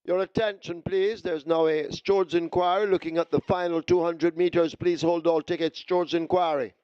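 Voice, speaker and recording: A man reading a formal racecourse announcement over a PA system, slow and measured, heard through a distant loudspeaker. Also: fairly high pitch, fairly even intonation, smooth, no echo, muffled recording.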